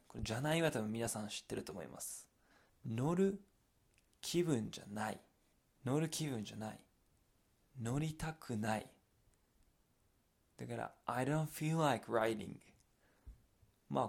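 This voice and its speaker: A man's voice: medium pitch, creaky, slightly rough. A man with a Kansai accent teaching his dialect to learners, explaining step by step and adding English glosses. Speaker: language teacher.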